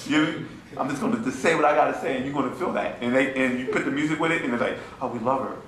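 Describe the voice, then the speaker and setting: A man teaching an informal class to a small audience. He talks in an animated, mocking way and keeps asking his listeners "you feel me?". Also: mid-range voice, rapid-fire. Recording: echoey room with faint ambient noise.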